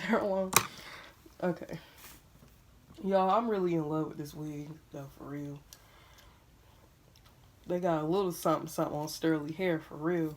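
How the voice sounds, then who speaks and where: This young woman, a beauty vlogger, is unboxing a wig at home and talking to her viewers around a piece of gum. She's chatty and calls them "y'all." Her voice sits on the low side and has a slightly mellow quality.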